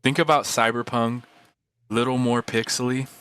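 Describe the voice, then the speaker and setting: A man's voice: medium pitch, fairly even intonation, moderate pace, a bit bright, clean tone, dry recording. A man co-hosting a podcast, joking in casual chat, laughing often and mimicking people in mock quotes. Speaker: podcast co-host.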